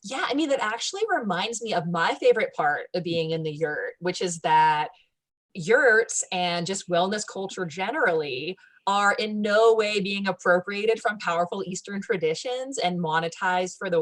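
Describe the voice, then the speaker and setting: A woman co-hosting a comedy show, talking in a laid-back, deadpan, ironic way full of "like" and "you know". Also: lowish voice, normal speed. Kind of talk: deadpan satirical wellness chat.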